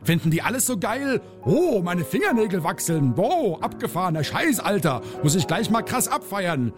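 A man's voice: high-pitched, very animated, normal speed, pitched above the performer's own voice. A man voicing a ranting misanthropic alter ego. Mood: ranting scornful. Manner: sneering, ranting, mocking. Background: soft piano music.

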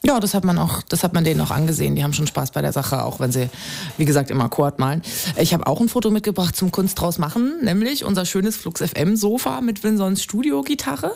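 A woman reporter recounts her visit in a loose, chatty way, with plenty of fillers. Her voice carries a strong gravelly fry. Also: lowish voice, animated, fast talker, darkish tone, a little hiss or hum. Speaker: radio reporter. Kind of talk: radio field report in studio.

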